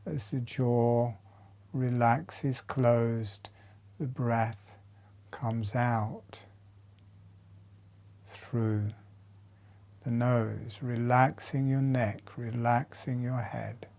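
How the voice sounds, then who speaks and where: A man leads a breathing meditation in a relaxed, mellow, slightly gravelly voice of medium pitch. Like an instructor, he talks extremely slowly in short, measured phrases separated by long pauses.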